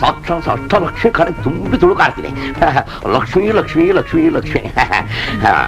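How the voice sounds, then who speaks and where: An actor playing a stingy, scheming middle-aged moneylender in a comic film scene. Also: male voice, fairly high pitch, sing-song, moderate pace, over music. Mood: wheedling. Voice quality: exclamatory, theatrical whining.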